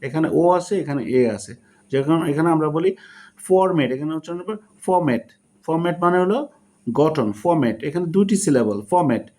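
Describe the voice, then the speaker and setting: Man, English teacher, slow syllable-by-syllable explanation, slightly high voice. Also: lively intonation, mellow. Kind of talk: spoken English lesson.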